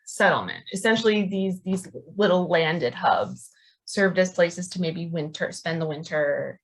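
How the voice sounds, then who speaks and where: Woman, history lecturer, lower voice, halting and filler-heavy delivery. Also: rough recording. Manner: hesitant, many ums and restarts. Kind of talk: academic talk.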